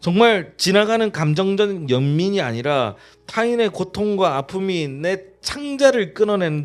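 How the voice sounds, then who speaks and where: A male pastor preaching a sermon, leading the congregation in reading and asking them questions. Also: a little high. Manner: lively sermon with call-and-response reading.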